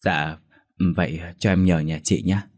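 A man's voice: sits low, fairly even intonation, moderate pace, darkish tone. A man voicing a frightened, tearful poor village mother, pleading meekly. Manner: pleading, whimpering.

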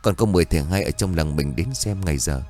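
A man voicing a grown son who speaks in a brisk, soothing way to calm his mother. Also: sits low, soft background music, lightly acted.

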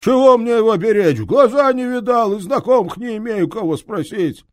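A man's voice: sits high, lively intonation, moderate pace, voice pushed up. A man voicing a cowardly petty thief who whines and pleads in an audiobook. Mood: whining. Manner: whining, pleading. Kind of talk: audiobook character reading.

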